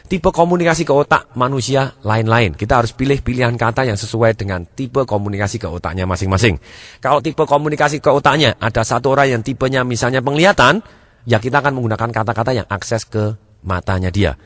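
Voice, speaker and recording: A man's voice: fast talker, dry recording. Man teaching sales, dry close sound. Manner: demonstrative, acts out examples, shifts pitch and pace to show. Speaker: sales trainer. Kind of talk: motivational sales lesson.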